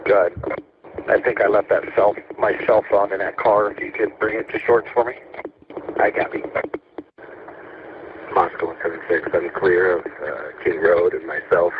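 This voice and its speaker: A man's low, clipped voice comes through a police radio, squeezed into a thin, phone-like band. Steady static hisses under every call sign he gives. He sounds terse and businesslike throughout. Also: normal speed, long pauses. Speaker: police officer. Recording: tinny, noisy police radio transmission.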